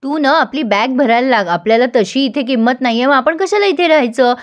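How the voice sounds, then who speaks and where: A young husband, calm and playful, teasing his upset wife by going along with everything she says, as a woman narrator voices him. The voice stays fairly high and light, close to the narrator's own. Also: a little fast. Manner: mock-agreeing, teasing.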